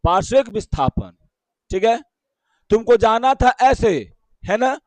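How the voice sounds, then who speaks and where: A man with a Bihari Hindi accent teaching a physics class, explaining slowly, repeating key terms and checking again and again whether students follow. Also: very high voice, darkish tone, no room sound. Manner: keeps asking students short check questions.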